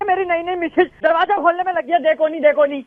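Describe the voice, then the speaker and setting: Fuming guy yelling down a tinny phone line, high strained voice, dry. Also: fairly even intonation, fast talker. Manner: furious, insulting, shouting. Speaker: prank call victim. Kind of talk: angry phone call.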